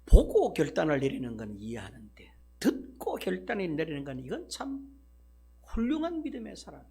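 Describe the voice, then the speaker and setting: A male pastor preaching a sermon in an emphatic, dramatic way, swinging from loud declarations to hushed asides. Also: on the high side, wildly swooping pitch, moderate pace, husky.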